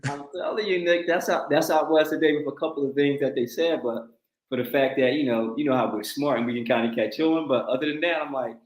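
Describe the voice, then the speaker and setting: Talking fast in a fairly high voice, this middle-aged talk show host keeps things casual and chatty. His stories come alive with acted-out quotes and plenty of laughter, all captured with a roomy echo.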